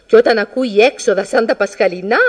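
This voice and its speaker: A woman's voice: on the high side, lightly acted. A woman playing a chatty comic housewife. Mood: complaining. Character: chatty middle-aged Athenian housewife, comic. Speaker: singing comic storyteller. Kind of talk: old-time comic revue with songs.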